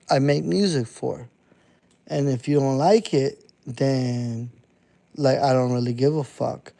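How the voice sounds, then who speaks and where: In his thirties, this underground rapper has a mid-range, dark-toned voice. He delivers a casual live-stream monologue to his chat, blunt and profane, repeating himself as he talks.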